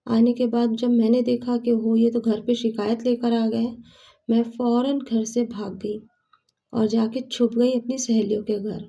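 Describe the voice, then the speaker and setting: A woman vlogger telling a first-person story in a plain, steady way. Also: a little high, creaky.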